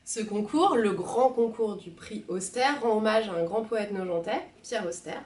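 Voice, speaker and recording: A woman librarian reading a poem aloud in a measured, soft expressive manner. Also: medium pitch, far from the mic. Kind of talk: poetry reading. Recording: roomy, from the mic.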